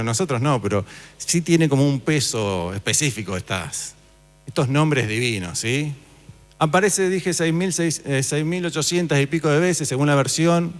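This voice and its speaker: A man's voice: on the high side, a bit bright. A man giving an informal Bible class, talking casually and quizzing his listeners. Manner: conversational, asks the audience questions. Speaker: church teacher. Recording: reverberant hall.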